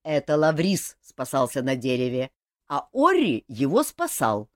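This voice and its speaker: A woman's voice: very deep voice, huge pitch swings, unhurried, dry recording, studio quality, heavily acted. Woman doing a grumbling hot-tempered prince. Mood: blustering. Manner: grumbling, blustering. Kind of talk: audiobook character voice.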